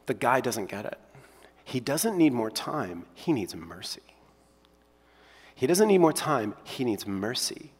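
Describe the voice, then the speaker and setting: A man preaching a sermon, emphatic and repetitive, sometimes dropping to hushed tones. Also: mid-range voice, sing-song, unhurried. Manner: emphatic, repeats key phrases, drops to hushed tones. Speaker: pastor. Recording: long hall reverb.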